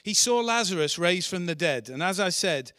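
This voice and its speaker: A man's voice: high voice, animated, normal speed, pushed and bright, no room sound, clean studio sound. A man preaching a sermon in church, earnest and asking the congregation questions. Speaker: pastor.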